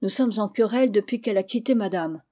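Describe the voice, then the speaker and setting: A deferential, put-upon nursemaid, polite but worn out, as a woman reader voices her. Her tone is mellow and plain, like a servant in a storybook reading. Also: mid-range voice, fast, natural voice. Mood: exasperated. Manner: deferential and exasperated. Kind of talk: audiobook reading of a classic novel.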